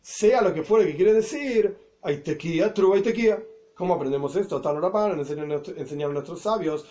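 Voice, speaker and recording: A man's voice: sits high, a little fast, mellow. A man teaching a Talmud lesson as a rabbi, reading Hebrew and Aramaic phrases and explaining each one in Spanish, with asides and self-corrections.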